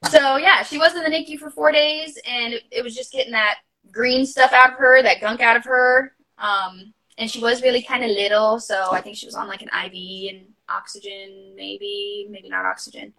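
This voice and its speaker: Young woman guest, bright and slightly high voice, casual and heartfelt storytelling with many fillers. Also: fairly even intonation, normal speed, few pauses, low-quality recording. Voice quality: chatty, many fillers and asides. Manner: open and heartfelt, laughs while talking. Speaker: podcast guest, new mother.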